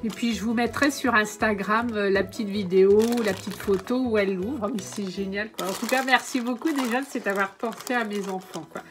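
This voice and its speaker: A woman's voice: medium pitch, fairly even intonation, fairly quick, hardly any pauses, music in the background. A woman in her thirties doing a casual unboxing vlog, enthusiastic and full of fillers and exclamations. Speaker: beauty and lifestyle vlogger.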